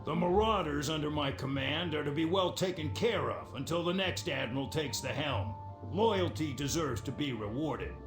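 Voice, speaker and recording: Solemn pirate admiral, echoing. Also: male voice, fairly high pitch, animated, moderate pace, over music. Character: male pirate admiral, solemnly dictating his last will. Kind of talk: video game voice-over acting.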